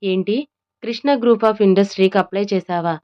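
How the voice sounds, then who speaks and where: ఒక మహిళ ఆటపట్టించే, చిరుకోపం చూపే యువతి పాత్రను చేస్తోంది. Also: female voice, medium pitch, fairly even intonation, measured pace, clean tone, dull audio, lightly acted. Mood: teasing. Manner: teasing, mock-angry. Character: playful bossy young woman, quick to scold.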